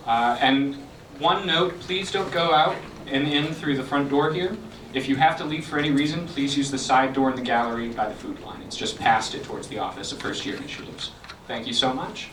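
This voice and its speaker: A man's voice: mid-range voice, a bit bright, slight background noise. Man announcing an event in an echoey room. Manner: friendly, many fillers. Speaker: event organizer. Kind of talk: event introduction. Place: lecture room. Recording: echoey room, mic from a distance.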